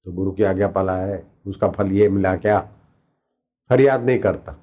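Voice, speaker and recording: A low-voiced man preaches a devotional sermon and tells its story vividly, stacking repeated words for emphasis. The recording sounds dull and lo-fi. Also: moderate pace. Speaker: spiritual teacher.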